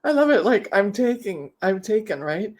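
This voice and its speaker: A woman's voice: mid-range voice, sing-song, normal speed, darkish tone. A middle-aged woman with a slight lisp from wearing a mouthguard, chatting casually and explaining with rambling, self-correcting examples as a business coach. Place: home office, on a video call.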